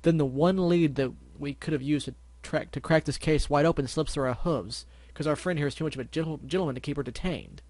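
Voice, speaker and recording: A man voicing a weary, earnest, bookish male pony in a storybook reading, measured and a little grumbling. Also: fairly high pitch, a little mellow, dry recording. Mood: frustrated.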